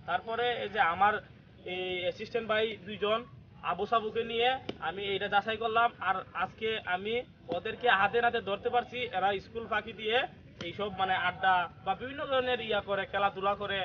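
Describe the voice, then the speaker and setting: An actor playing a hot-tempered village landlord who barks orders, speaking with a Habiganj regional accent. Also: male voice, high voice, fairly even intonation, a little fast, lo-fi sound, slight background noise, natural voice. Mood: aggrieved. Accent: Habiganj regional Bengali. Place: village outdoors.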